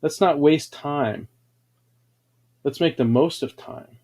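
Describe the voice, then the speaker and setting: Slow and a little mellow, with a pitch on the high side, the man runs a livestream where he delivers grandiose motivational stories. He brags and dramatizes, sounding like a preacher.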